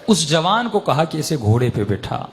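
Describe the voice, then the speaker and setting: A man's voice: fairly high pitch, very animated, a little hiss or hum. A man preaching in an emotional storytelling sermon, impassioned and rising to raised pleading peaks. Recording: long hall reverb.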